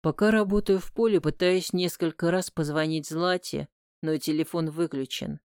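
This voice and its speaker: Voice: medium pitch, steady tone, normal speed, clean tone, no room sound. An audiobook narrator reading a first-person romance with emotional, intimate delivery, recorded on a close studio mic.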